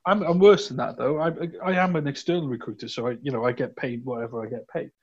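A man's voice: mid-range voice, quick pace, highs cut off, crowd noise. A man from England hosting a podcast in casual chat, jokey and rambling, laughing at his own jokes. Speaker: podcast host.

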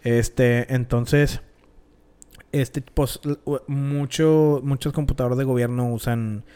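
A man with a Mexican accent telling stories casually on a podcast in slangy, halting speech with many pauses. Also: mid-range voice, fairly even intonation, warm tone, clear, resonant tone. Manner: halting, slangy, drawn-out storytelling. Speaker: podcast co-host. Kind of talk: casual conspiracy storytelling.

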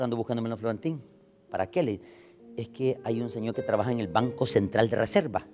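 A man's voice: medium pitch, a little mellow. A male pastor with a Salvadoran accent preaching a sermon, telling stories and acting out the dialogue, often calling out to his listeners. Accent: Salvadoran Spanish. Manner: storytelling, acting out dialogue, frequent "hermano" and "¿va?".

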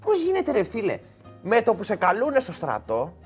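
A man telling a long funny story in casual chat, animated and quick to laugh. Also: high-pitched, husky, soft background music.

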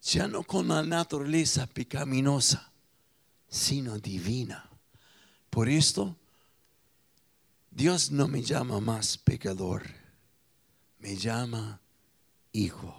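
A man preaching a sermon, swinging dramatically between loud proclamations and hushed, near-whispered lines. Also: medium pitch, animated, takes it slowly, gravelly, long pauses, husky. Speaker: pastor.

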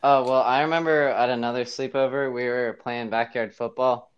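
A man's voice: medium pitch, fairly even intonation, normal speed, clean tone, lo-fi sound. A young man co-hosting a podcast, an easygoing storyteller who chuckles mid-sentence while recalling things with friends. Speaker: podcast co-host. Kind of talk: casual chat among old friends.

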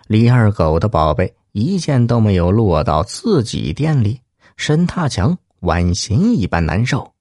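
A man's voice: sits low, a little mellow, dry recording, studio quality. A man telling a dramatic story in a theatrical way, with rhetorical questions and exclamations.

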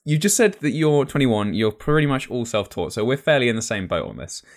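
A man's voice: medium pitch, big pitch swings, a little fast. A man hosting a podcast in a casual, informal and chummy way. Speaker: podcast host.

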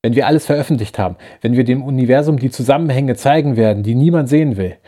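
A man's voice: medium pitch, quick pace, dark tone, natural voice. A man voicing a bitter rebel who betrayed his old friend, talking in an urgent, reproachful way in a science-fiction audiobook. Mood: hurried. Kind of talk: audiobook character voice.

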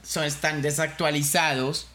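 Bright, joking co-host. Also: male voice, fairly high pitch, flat delivery, a little hiss or hum. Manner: quick joking interjections. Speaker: podcast co-host. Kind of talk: casual chat.

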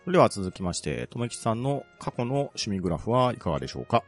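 A man's voice: mid-range voice, very animated, fast, soft background music. A man hosting a casual talk show, politely responding and handing over to guests. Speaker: host.

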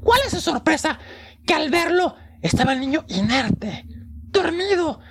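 A woman with a Mexican accent telling a horror story casually, with slang, jokes and dramatic pauses. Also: high-pitched, lively intonation, no room sound.

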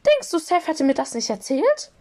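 A woman voicing a small, polite male wizard teacher with a squeaky voice in a fan audiobook reading. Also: huge pitch swings, normal speed, darkish tone. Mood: amused.

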